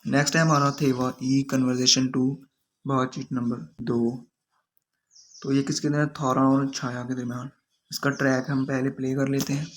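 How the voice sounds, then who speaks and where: A man's voice: medium pitch, level tone, normal speed, slight background noise. A man teaching a language lesson, explaining the dialogue word by word. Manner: explains word by word, with frequent restarts.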